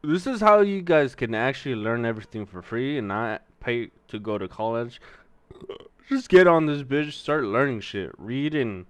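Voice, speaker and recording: Here the young coding streamer, Mexican-American in accent, has a medium-pitched, sing-song voice at a moderate pace, smooth and echo-free. He swears casually and thinks out loud in a rambling way while typing out exercises as he learns to code.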